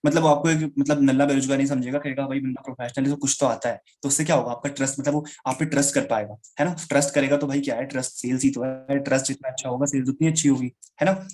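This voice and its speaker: Video call पर live sales training देता एक आदमी, जो श्रोताओं को "गाइस" और "भाई" कहकर बातचीत के अंदाज़ में समझाता है।. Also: male voice, medium pitch, steady tone, darkish tone. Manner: fast, chatty, addresses listeners as guys and brother. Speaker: sales trainer. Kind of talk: live online sales training. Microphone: video call.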